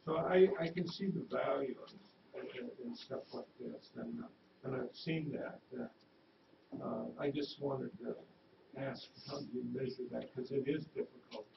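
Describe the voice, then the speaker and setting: A man on a school board asking questions at a public meeting, halting, with many uhs and restarts. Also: medium pitch, creaky. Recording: echoey, dull sound from a distant mic with noise.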